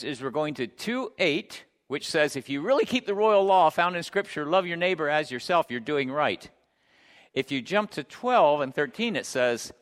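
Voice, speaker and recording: Middle-aged preacher guy, kinda high voice, gets loud then drops to a hush, big church echo. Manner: emphatic, swings from loud declaring to hushed asides. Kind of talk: sermon. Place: church sanctuary. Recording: long hall reverb.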